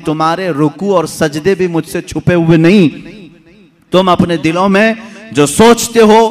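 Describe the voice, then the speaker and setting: A male mufti giving an impassioned sermon, swinging from loud calls to hushed storytelling. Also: fairly high pitch. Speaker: mufti preacher.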